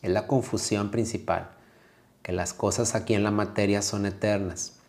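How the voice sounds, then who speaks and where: A man with a Mexican Spanish accent, a yoga teacher hosting a motivational podcast, speaking calmly and reflectively straight to the listener. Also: on the low side, moderate pace.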